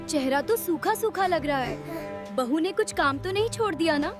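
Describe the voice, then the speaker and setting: A troublemaking cartoon aunt, voiced by a woman, pries and needles in a high voice. She stirs up trouble at every turn, with loud music running behind. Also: animated, normal speed. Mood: prying. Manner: prying, needling. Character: meddling quarrelsome middle-aged aunt. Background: background music.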